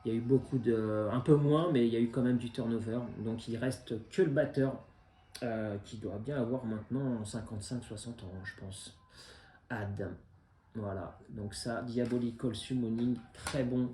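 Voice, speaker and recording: A man in his forties talks casually about the records he collects. His voice is mellow and mid-pitched, and he hesitates often while staying enthusiastic. The room around him has a noticeable echo. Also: fairly even intonation, normal speed, slight background noise. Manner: hesitant, many filler sounds, enthusiastic. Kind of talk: casual chat presenting vinyl records. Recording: roomy echo.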